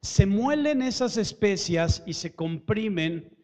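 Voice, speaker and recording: A man preaches from a church hall, his high-pitched voice carried by a long reverb. He is emphatic and animated, breaking into joking asides and stumbling over repeated words. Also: slow. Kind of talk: lively sermon.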